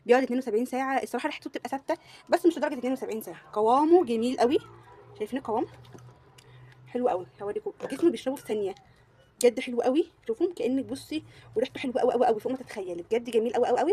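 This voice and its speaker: A woman's voice: sits high, animated, very fast, dark tone, breathy edge. A young woman with an Egyptian Arabic accent, gushing through a casual beauty product review and repeating words for emphasis. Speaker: beauty vlogger.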